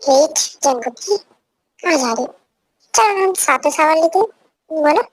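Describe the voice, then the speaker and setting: A woman's voice: high-pitched, animated, a little slow. Woman doing a bossy possessive young husband. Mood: insistent. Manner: commanding, repeats orders. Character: possessive, domineering young husband who gives orders. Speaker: fan dub voice actor. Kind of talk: amateur fan dub.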